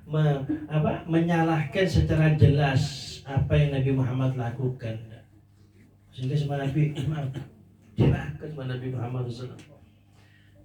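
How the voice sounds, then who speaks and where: A man preaching a lively sermon, asking his listeners rhetorical questions. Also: a little high. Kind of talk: religious sermon. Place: religious gathering hall. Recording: echoey hall, mic from a distance.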